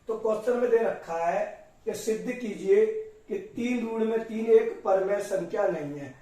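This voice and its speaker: Warm and sitting high, the man's voice carries through a very echoey classroom from some distance away. He is teaching math at a board, going one step at a time and repeatedly calling his students "beta" with fondness.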